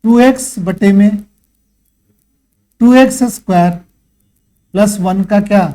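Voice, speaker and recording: A man's voice: high-pitched, slow pace, dark tone. A male math teacher lecturing a class, quizzing students and lecturing them sternly on working hard at home. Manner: scolds and quizzes students, rhetorical questions. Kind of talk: classroom lecture with a pep talk.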